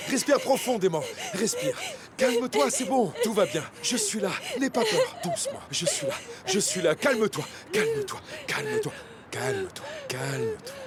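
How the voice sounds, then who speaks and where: Soothing, protective young man. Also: on the high side. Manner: soothing, reassuring, soft. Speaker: dubbed actor in a TV series. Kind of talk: French dub of a TV drama. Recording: loud dramatic score behind dialogue. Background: music.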